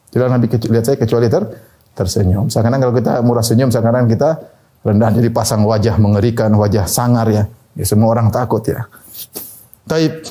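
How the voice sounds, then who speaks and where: A man's voice: medium pitch, dark tone. A male preacher giving a conversational sermon, laughing at his own asides and acting out the people he quotes in short bits of voice. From Indonesia.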